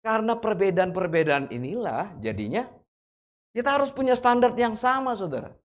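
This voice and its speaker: A man's voice: sits high, big pitch swings, normal speed. A man preaching a sermon in a casual, conversational way. He often calls the congregation "brothers and sisters" and asks them to say amen. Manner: acts out shouting examples for contrast. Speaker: pastor.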